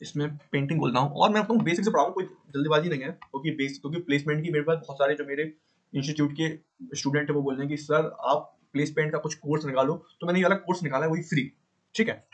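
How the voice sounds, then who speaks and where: A man teaching a beginner coding lesson in a casual way, repeating points and asking and answering his own questions, often pausing to fix his drawing. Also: fairly high pitch, fairly even intonation. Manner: frequent pauses to fix the drawing.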